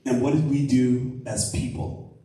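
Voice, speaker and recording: Earnest slow-speaking male minister, echoey hall. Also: mid-range voice, steady tone. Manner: earnest, building to an impassioned call, then a soft prayer. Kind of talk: sermon. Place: church sanctuary. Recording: very echoey room, voice from a distance.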